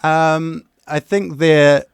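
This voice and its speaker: A man appearing as a comedian guest on a casual podcast, trading deadpan quips with stammering restarts. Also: fairly high pitch, very slow, clean tone, dry recording, studio quality.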